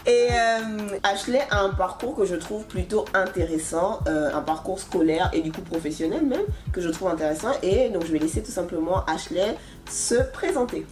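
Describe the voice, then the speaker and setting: A young woman hosting a casual interview, chatty and quick to laugh, seated in a bright room. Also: on the low side, soft background music. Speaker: host.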